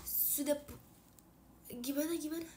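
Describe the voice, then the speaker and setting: Young woman w a cold chatting on her phone stream, high pitched n chatty. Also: moderate pace, a little hiss or hum. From Indonesia. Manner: chatty and animated, frequent fillers. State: stuffy from a cold. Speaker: idol livestreamer. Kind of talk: casual livestream chat, thanking viewers for gifts.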